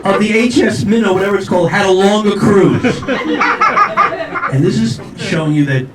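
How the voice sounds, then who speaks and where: A middle-aged stand-up comedian rambles through his set in a brash, self-mocking way, with a fairly high voice. He is heard from a distant mic in a roomy venue. Loud noise runs underneath. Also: moderate pace. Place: live comedy show venue.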